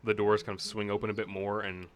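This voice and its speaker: A man's voice: on the low side, flat delivery, quick pace. A man narrating a tabletop game as game master, improvising scene descriptions in an informal way. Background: guitar music.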